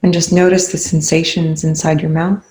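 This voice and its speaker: A meditation guide speaks at medium pitch with a flat, steady melody, soothing and unhurried. Long pauses separate the gentle instructions.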